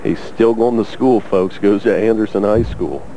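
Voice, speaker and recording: A low-voiced man handles the play-by-play for a bowling telecast, giving the frame and the score in brisk calls. An old television recording adds a clear hiss under his voice. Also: mellow, low-quality recording. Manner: brisk scorekeeping calls, brief asides to viewers. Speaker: play-by-play announcer.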